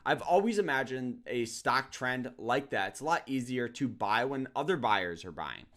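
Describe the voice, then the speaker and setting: A man's voice: medium pitch, very animated, moderate pace, fairly bright tone. A man hosting an upbeat trading lesson over a screen share, talking casually and often repeating words as he goes. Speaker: trading course host.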